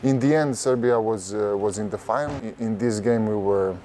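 Wearing a lapel mic in a big indoor arena, a young man from Croatia who plays basketball answers a casual interview in Croatian. His voice is low-ish and mellow, he stumbles and repeats words as he hunts for phrasing, and there's a slight hiss or hum.

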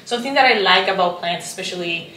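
A Chilean woman in her thirties, a visual artist, speaks thoughtfully and softly in a documentary interview, reflecting aloud and using plenty of "like" and "um." Her voice is fairly low and quick, picked up off-mic from a distance in a roomy, echoey indoor painting studio with a little hiss or hum.

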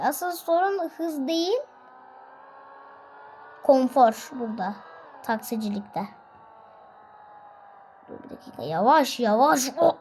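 A woman's voice: sits high, a little hiss or hum. A woman giving casual, chatty commentary while playing a driving game, with frequent exclamations and laughs. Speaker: gaming video host.

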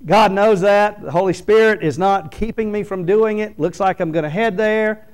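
Middle-aged male pastor, slightly high voice, preaching at a podium mic in a small church, loud peaks and hushed drops. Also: normal speed, clear, resonant tone. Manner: preaching with wide swings from loud emphatic lines to quiet low ones. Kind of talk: sermon. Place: small church hall, indoors. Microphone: podium microphone.

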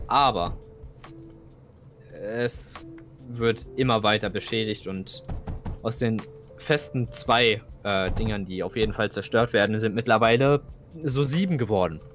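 A man's voice: fairly low pitch, a little slow, fairly bright tone, soft background music. A young man playing a video game with a friend, thinking aloud and often repeating words as he searches for them. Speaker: gamer co-playing. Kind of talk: casual gaming chat.

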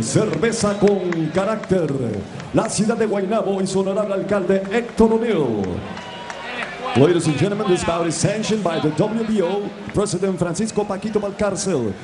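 A middle-aged man working as a bilingual boxing ring announcer in a lucha libre style, with booming showman calls, stretched words and rapid runs into a handheld microphone. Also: expressive. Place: boxing ring in an indoor arena. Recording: echoey arena PA with crowd noise.

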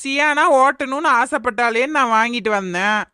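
A performer voicing a patient, soft-hearted village husband in a cartoon, with a Kanyakumari Tamil accent, speaking in a placating, gentle way. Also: medium pitch, brisk, clean tone, dry recording, studio quality, lightly acted.

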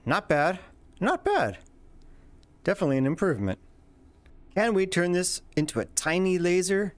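Casual gameplay host, jokey and exclaiming, highly animated intonation. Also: fairly quick, no room sound. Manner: playful, exclaiming, swearing at slips. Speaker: host of a video game weapon showcase.

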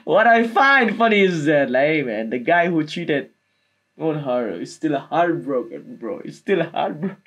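A man gives casual reaction commentary in a halting, repetitive way, often saying "like" and "man". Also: on the high side, animated, a bit bright. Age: 20s. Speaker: music video reactor. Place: small room indoors. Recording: music playing behind the voice. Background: music from the video being watched.

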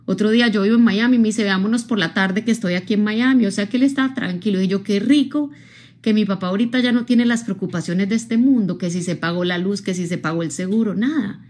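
A woman's voice: medium pitch, a little fast. A woman, from Colombia, giving a live-streamed motivational talk, speaking expressively straight to her viewers and often checking in with them. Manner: expressive, addresses viewers directly, frequent tag questions.

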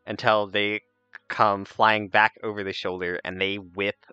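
A man's voice: on the low side, little pitch movement, measured pace, sharp tone, smooth, dry recording, dull audio. A man working as game master, improvising tabletop game narration in an informal, hesitant way.

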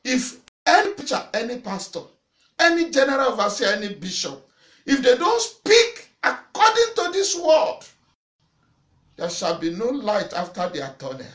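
A middle-aged man preaching to camera, repeating phrases and breaking into loud shouts. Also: very high voice, huge pitch swings, normal speed. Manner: forceful preaching with repetition and sudden loud shouts; waves arms and gestures while preaching. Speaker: pastor. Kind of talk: sermon to camera. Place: small indoor church room in front of a banner. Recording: echoey room.

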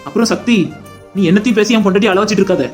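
Cartoon role: teasing young husband voiced by a woman, rapid, mid-pitched. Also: faint music behind, natural voice. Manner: playful, affectionate teasing. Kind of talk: cartoon voice acting.

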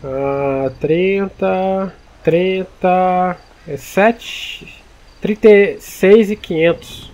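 A man's voice: high voice, extremely slow, a little mellow. A man from Brazil chatting casually in character during a game roleplay, with laid-back street slang. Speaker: roleplay player, channel host.

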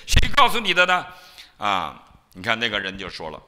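A male pastor preaching a sermon in a church, telling stories in an animated way and acting out the lines of biblical figures. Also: lowish voice, normal speed.

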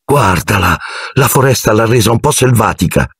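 A man voicing a frightened teenage boy who slips into a high falsetto, reading an audiobook. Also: animated, normal speed, vocal fry, fairly bright tone, husky, no room sound, clean studio sound, full character voice. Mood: delighted. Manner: high, squeaky falsetto in panic.

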